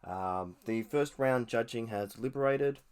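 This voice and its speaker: A man's voice: mid-range voice, unhurried, darkish tone, smooth. An Australian man hosting a casual solo podcast, speaking in a nasal voice and hesitating with many ums and restarts. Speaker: podcast host.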